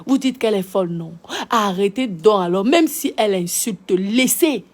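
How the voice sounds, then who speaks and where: A woman with a Cameroonian French accent, a social media commentator, delivers an impassioned live-video monologue scolding her audience with repeated rhetorical questions. Her medium-pitched voice is expressive and moves at a normal speed.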